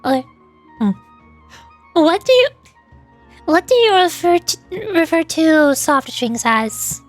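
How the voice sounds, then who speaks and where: Speaking slowly in a high-pitched, very animated voice, this female streamer and VTuber chats casually with her viewers over background music. Her thinking comes out hesitant, with stammered, repeated words and some mild self-deprecation.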